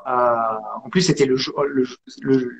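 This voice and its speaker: A man from France telling his story as an interview guest, hesitant with many pauses and restarts. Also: mid-range voice, steady tone, a little hiss or hum. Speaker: interview guest, acrobat and actor.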